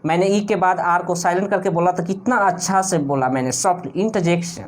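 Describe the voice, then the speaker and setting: Bihari teacher drilling pronunciation. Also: male voice, high voice. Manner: asks students questions and answers them himself, repeating words slowly; corrective, insistent about pronunciation. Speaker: English teacher. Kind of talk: video lecture on English grammar and pronunciation.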